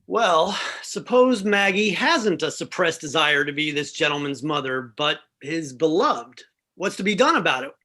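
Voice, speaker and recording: Sheepish husband in a comic play reading, halting, lively pitch; a woman reads him. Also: exaggerated voice. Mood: teasing. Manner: halting, hesitant delivery. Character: hesitant, sheepish husband, man.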